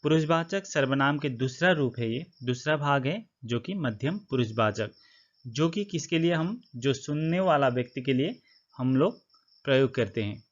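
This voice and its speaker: A man's voice: mid-range voice, expressive, moderate pace. A man teaching a Hindi grammar lesson, explaining step by step and asking his own questions before answering them. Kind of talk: classroom-style grammar lesson. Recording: slightly dull lo-fi recording.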